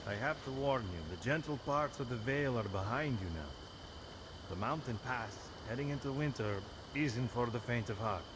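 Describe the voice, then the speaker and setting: An actor playing a gruff, wary river ferryman in a fantasy game, curt and foreboding. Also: mid-range voice, animated, moderate pace, background noise, close to an everyday voice.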